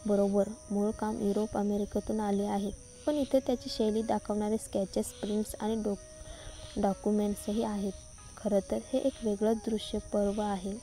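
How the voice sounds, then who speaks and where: Woman reader doing a soft-spoken young man, knowledgeable; flat, dark tone. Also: medium pitch, moderate pace, soft background music, natural voice. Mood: explaining. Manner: warm, knowledgeable. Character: gentle young man, art expert.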